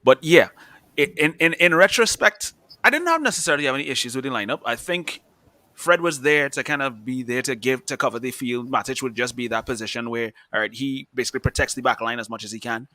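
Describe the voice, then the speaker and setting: A man's voice: medium pitch, expressive, fast talker, pushed and bright, dry recording. A man in his thirties co-hosting a casual football chat, rambling with restarts and laughing easily. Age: 30s. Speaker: podcast co-host.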